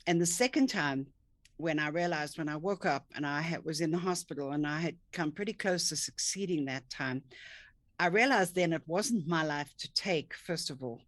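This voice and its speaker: A South African woman, a thinking coach, earnestly tells her story as an interview guest over a video call from her home office. Her voice sits low with lively intonation at a moderate pace. The webcam audio carries no room sound.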